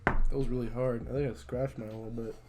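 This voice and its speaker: A man's voice: mid-range voice, little pitch movement, fast talker, very noisy. A tipsy, queasy man co-hosting a casual beer review, grumbling and arguing with his friend. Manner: grumbling, argumentative. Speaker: co-host and video editor. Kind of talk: casual drunken banter.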